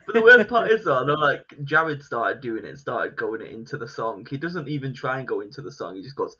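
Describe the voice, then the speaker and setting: A man's voice: medium pitch, very animated, fairly quick, sharp tone, husky. A man co-hosting a casual film podcast, laughing and quoting film lines. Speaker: podcast co-host. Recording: dull lo-fi podcast audio.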